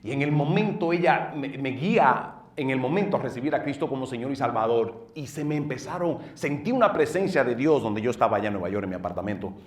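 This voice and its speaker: A middle-aged man with a Dominican accent, a pastor telling his personal testimony in an earnest way, going from loud bursts to low murmurs. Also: lively intonation, quick pace, few pauses. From northeastern United States. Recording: roomy sound from a distant mic.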